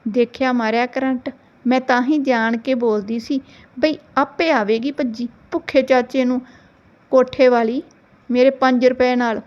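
A woman's voice: high-pitched, steady tone, measured pace, a little mellow, highs cut off. A woman voicing Simran, a cheeky young girl who teases and bargains mock-dramatically in a storybook reading. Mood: teasing.

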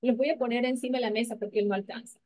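A woman's voice: fairly high pitch, steady tone, rapid-fire. A woman presenting a parenting training, explaining step by step in a patient way and often checking in with her listeners. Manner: patient, explanatory, frequent "¿verdad?" and "¿ok?" check-ins; models gentle questions to children in a soft voice. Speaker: parenting educator.

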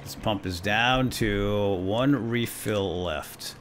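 A man with a fairly low voice speaks extremely slowly as music plays in the background. As host of a gaming series, he delivers casual, playful let's play commentary, talking to himself and his viewers with exclamations.

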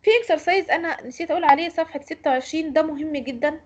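A woman's voice: high voice, steady tone, racing, darkish tone, muffled recording, a little hiss or hum. An Egyptian woman teaching English pronunciation in an online lecture, explaining and correcting students. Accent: Egyptian Arabic.

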